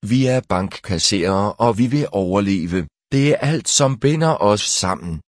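A man's voice: fairly low pitch, expressive, no echo, studio quality, lightly acted. A man reading the lines of an eccentric, brooding male survivalist who turns preachy and doom-laden. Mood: indignant.

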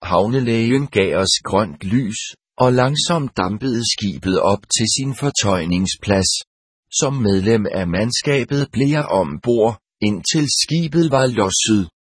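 A man narrating an audiobook in the first person, in a steady, measured reading. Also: lowish voice, husky, no room sound, clean studio sound.

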